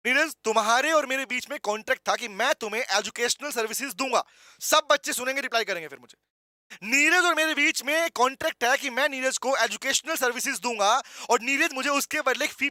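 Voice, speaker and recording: High, bright-voiced law teacher. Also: male voice, no echo. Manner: playful, chatty, repeats key points, calls students "beta". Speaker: law lecturer. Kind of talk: online revision lecture.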